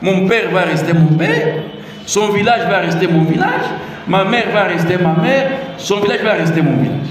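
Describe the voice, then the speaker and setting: A middle-aged Congolese man, a presidential adviser, gives a public speech on the constitution in a high voice at normal speed, with a Congolese French accent. He repeats his key phrases and puts rhetorical questions to the audience. The recording is from an echoey hall with a distant mic.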